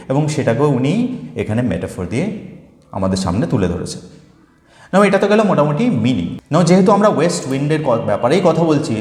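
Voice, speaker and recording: A man's voice: a little high, a little mellow. A man teaching English poetry, explaining a poem line by line and mixing English terms into his talk. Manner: reads poem lines slowly and deliberately. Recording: echoey room with long reverb.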